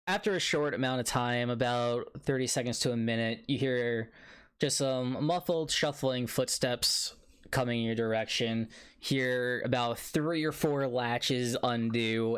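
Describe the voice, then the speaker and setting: A man narrating a tabletop game as game master, relaxed, with many fillers and laughs. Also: medium pitch, slow pace, smooth. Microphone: home mic on a live stream.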